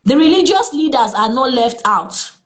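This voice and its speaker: Earnest Nigerian woman, a bit high. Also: normal speed. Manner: earnest, lively storytelling with exclamations. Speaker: therapist guest. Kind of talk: interview conversation.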